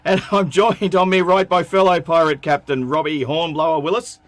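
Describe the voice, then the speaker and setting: A man's voice: a little high, steady tone, moderate pace, dry recording. An Australian man hosting a live sports talk show, joking and rambling with fillers. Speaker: host. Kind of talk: casual live show banter.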